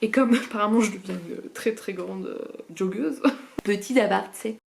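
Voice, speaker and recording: A woman's voice: medium pitch, moderate pace, gravelly, slight background noise. A woman from Normandy with a Norman French accent, chatting casually to camera and drifting from topic to topic. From Normandy, France. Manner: chatty and digressive, laughs often. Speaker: vlogger.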